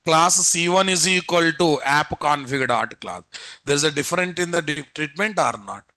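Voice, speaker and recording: A programming instructor with an Indian Telugu accent gives a live technical lecture, his fairly high voice bright and forceful at a normal pace. He keeps prodding his students, firing off the same rhetorical questions again and again.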